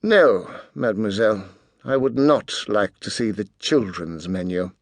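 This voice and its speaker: A man's voice: on the low side, lively intonation, a little slow, no echo. A man voicing a cold, condescending teenage boy genius in an audiobook.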